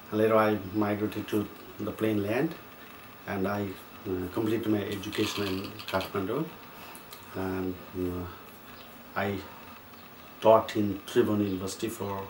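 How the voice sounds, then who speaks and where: A middle-aged man from Nepal answering interview questions as a writer, speaking in a measured way with many pauses and fillers. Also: on the low side. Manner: measured, with frequent hesitations and fillers. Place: plain indoor room. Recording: echoey room with faint noise.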